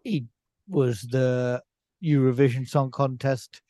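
A man's voice: mid-range voice, steady tone, slow, dark tone, dry recording. Laid-back man, dry close sound. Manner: laid-back, rambling, laughs often. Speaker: podcast co-host. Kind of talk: casual chat.

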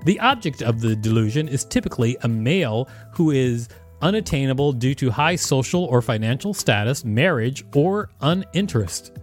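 A podcast co-host with a medium-pitched voice reads an article aloud at a moderate pace, breaking in with animated, joking commentary. Faint music plays behind him.

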